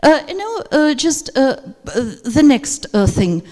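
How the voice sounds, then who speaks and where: Her voice is high-pitched and mellow, swinging widely in pitch at a measured pace. This native Russian speaker, a teacher trainer, hesitates often and fills gaps with fillers while leading a workshop lecture. Recorded on a handheld mic in a seminar room, the audio carries hall reverb.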